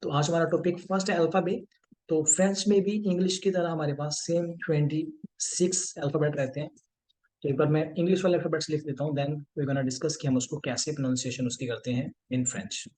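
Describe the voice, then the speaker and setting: A man teaching a language lesson, mixing Hindi and English and repeating each sound slowly for learners. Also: a little high, fairly even intonation, a little mellow. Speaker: French teacher.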